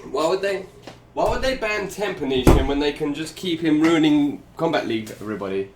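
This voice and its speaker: A man's voice: on the high side, animated, fairly quick, noisy background. A man streaming live, reacting to a video with sarcastic commentary, laughing often and talking to his chat.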